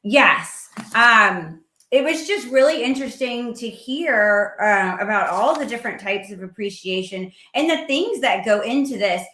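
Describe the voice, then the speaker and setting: A woman hosting a casual interview, chatty and filling pauses with ums. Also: on the high side, expressive, sharp tone, reverberant. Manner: chatty, with frequent fillers. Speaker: host.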